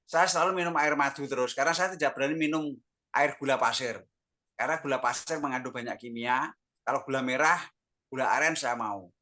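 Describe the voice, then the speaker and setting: A man's voice: medium pitch, a little fast, sharp tone. An older man, earnestly telling his personal testimony with lots of quoted dialogue. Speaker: testimony guest.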